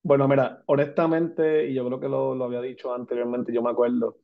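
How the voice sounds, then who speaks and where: Here a man in his forties from Puerto Rico, a basketball agent, chats as a guest with a Puerto Rican accent, hopping between English and Spanish amid frequent fillers. His gravelly, medium-pitched voice moves little in pitch and runs a little fast, with phone-quality sound.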